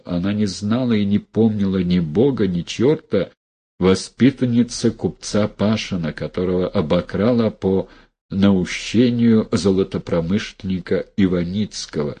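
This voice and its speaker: Slow husky male audiobook narrator. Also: low voice, mellow. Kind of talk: literary narration.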